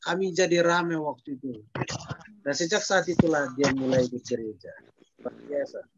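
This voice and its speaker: A man's voice: fairly high pitch, moderate pace, very noisy. A man who is a pastor, earnestly recounting a story to a church group with quoted dialogue. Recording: dull dry sound.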